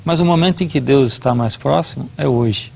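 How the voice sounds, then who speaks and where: A middle-aged man speaks as a guest preacher, his voice a little husky and breathy at mid pitch. He tells a family story with earnest warmth of purpose and acts out the lines of each person. It is a devotional talk in a conversational setting. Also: a little fast.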